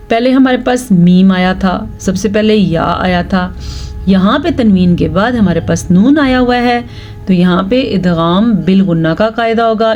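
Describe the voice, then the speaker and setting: A woman teaching Quran recitation rules, reciting verses slowly and drawn out, then explaining each rule. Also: mid-range voice, dull audio, slight background noise. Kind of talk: slow recitation lesson with explanations.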